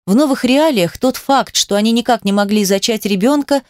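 A woman reading an audiobook, with measured and expressive scripted narration. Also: a little high, no room sound, clean studio sound.

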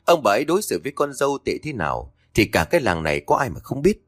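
A man doing a brisk gossiping village neighbor. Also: medium pitch, sing-song, no room sound, studio quality. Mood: disapproving. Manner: brisk, tutting.

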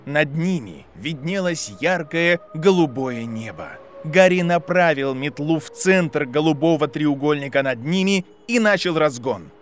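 A man narrating a fantasy audiobook in a steady, measured storytelling manner. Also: on the high side.

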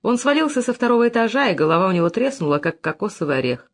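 Audiobook narrator, man, expressive and dramatic, wide lively pitch. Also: racing.

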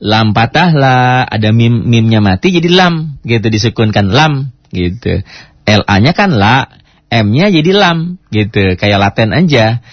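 A man teaching Quran recitation, chatting casually and breaking into slow chanted demonstrations. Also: lowish voice, lively intonation, dry recording. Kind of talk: tajwid lesson with recited demonstrations. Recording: dry, dull lo-fi radio recording.

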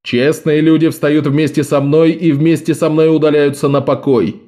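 A man voicing a domineering male priest in a sun mask who proclaims slowly and raises his pitch to command. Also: level tone, dark tone, natural voice.

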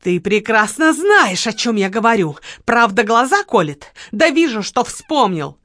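A woman's voice: fairly high pitch, very animated, a little slow, a bit bright, no echo, clean studio sound, heavily acted. A woman reading an audiobook, voicing a hysterical young woman who shrieks and whines. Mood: shrill accusing. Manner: shrieking, whining.

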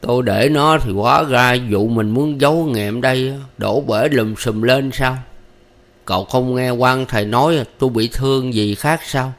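A man's voice: medium pitch, a little slow, pitched above the performer's own voice, close to an everyday voice. A man voicing a young injured husband with a Southern Vietnamese accent, weary, blunt and rustic. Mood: resigned. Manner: blunt, rustic, half-joking.

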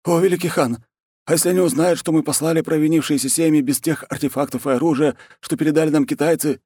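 Cowering army chief, shrill and hysterical, servile; male narrator putting him on. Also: steady tone, quick pace, warm tone, breathy edge, no echo. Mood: frantic. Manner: frantic, wailing, servile. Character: terrified grovelling male military commander.

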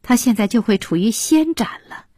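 A woman narrating an audiobook in a slow, soft and intimate way. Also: a little high, expressive, breathy edge, dry recording, studio quality.

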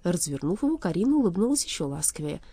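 A woman reads a fairy tale aloud as an audiobook narrator, expressive and steady. Her voice is mellow and her pitch moves a lot. The sound is dry and close. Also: fast, husky, dry recording. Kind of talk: storybook narration.

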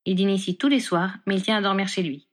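A woman's voice: medium pitch, fairly even intonation, fast, lightly acted. A woman voicing a touchy, defensive young man in a storybook reading. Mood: matter-of-fact.

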